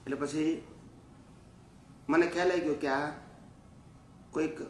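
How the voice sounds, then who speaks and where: A man, a spiritual teacher, telling lively personal anecdotes at a satsang, often chuckling and mixing in English phrases. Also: a little high, unhurried, reverberant, a little hiss or hum. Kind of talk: storytelling at a satsang. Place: gathering room in the USA.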